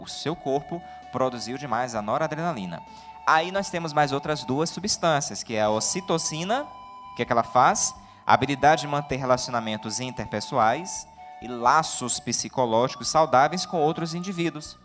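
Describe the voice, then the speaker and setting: A man with a Brazilian Portuguese accent preaching a sermon in a lively, joking way, often putting questions to his listeners. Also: mid-range voice.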